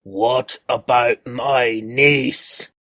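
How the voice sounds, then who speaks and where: A man voicing a furious, brutish Irish male warrior who speaks gruffly and growls his words slowly. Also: medium pitch, steady tone, sharp tone, dry recording. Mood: grieving, rough. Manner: gruff, growling, slow and heavy.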